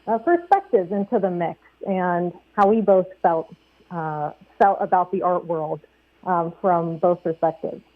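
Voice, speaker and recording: A young woman filmmaker calmly explaining her work in an interview. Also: lowish voice, no room sound. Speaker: filmmaker guest. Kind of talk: interview answer. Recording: tinny phone line.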